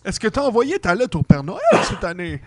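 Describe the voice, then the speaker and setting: A man's voice: high voice, big pitch swings, fairly quick, heavy background noise, voice pushed up. A man with a Québécois accent playing a jolly old Santa Claus who teases and laughs heartily. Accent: Québécois French. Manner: hearty ho-ho laughs, playful teasing.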